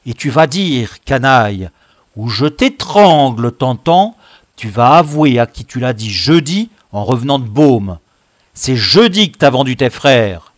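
Guy doing a furious kid gang boss, roaring, bouncy high voice, dry sound. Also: sing-song, unhurried, dry recording. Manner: roaring, accusing. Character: boy gang leader, furious and commanding.

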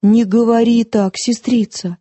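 A woman's voice: on the high side, steady tone, measured pace, no echo, pitched above the performer's own voice. A woman voicing a timid, tearful young girl. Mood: pleading. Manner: pleading, soft, tearful.

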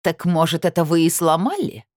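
A woman's voice: low voice, big pitch swings, a little fast, dry recording, studio quality. A woman reading an audiobook, voicing an imperious, grumpy older woman who snaps and barks. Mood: indignant. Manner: loud, snapping, indignant.

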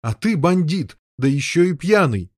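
A noble lady pleads and snaps in a shrill, raised voice, as a man puts her on. The pitch sits well above his own. It is heard dry and close. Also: sing-song, moderate pace, dry recording. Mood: sharp. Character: frightened wailing noble lady, shrill and quarrelsome.

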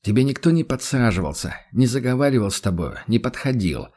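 A man voicing a calm, stern male investigator who questions in a level, insistent voice. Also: mid-range voice, fairly quick.

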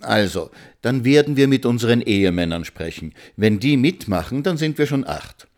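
A man voicing a theatrical, exclaiming woman in a storybook reading, lifting his voice higher. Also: expressive, moderate pace, a little mellow, close to an everyday voice. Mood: eager.

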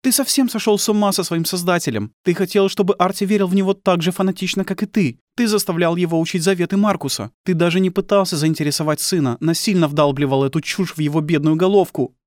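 A man's voice: high-pitched, fairly even intonation, fast, hardly any pauses, no room sound, studio quality, voice pushed up, lightly acted. A man voicing a cold, bitter wife and grieving mother who hurls accusations at her husband in an audiobook. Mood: accusing. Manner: icy and accusing.

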